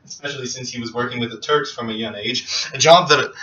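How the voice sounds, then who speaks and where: A man's voice: mid-range voice, fast talker, pushed and bright, slightly rough. A man narrating a mock dramatic reading with sarcastic, theatrical commentary. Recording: dull lo-fi recording.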